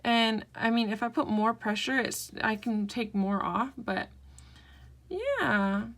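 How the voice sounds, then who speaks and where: A woman's voice: a little high, expressive, slow, a bit bright. A young woman who just woke up, chatting casually through a tutorial and rambling with fillers and self-corrections. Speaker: beauty vlogger.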